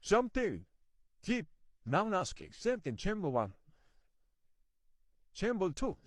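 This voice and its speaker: A man's voice: high-pitched, huge pitch swings, takes it slowly. A man instructing taekwondo, giving short, clipped commands and counts for kicking drills.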